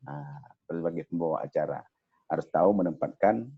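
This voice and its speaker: A man giving a broadcasting workshop talk, animated and mimicking different greeting voices. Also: extremely low pitch, brisk, husky, narrow, tinny audio. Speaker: broadcasting trainer.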